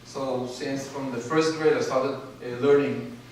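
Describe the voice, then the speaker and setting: A man from Ethiopia, probably in his forties, telling his life story as a guest speaker. He talks haltingly and pauses for fillers often. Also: medium pitch, steady tone, a little mellow, a little hiss or hum. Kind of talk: personal story speech. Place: large hall. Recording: very echoey hall from far off.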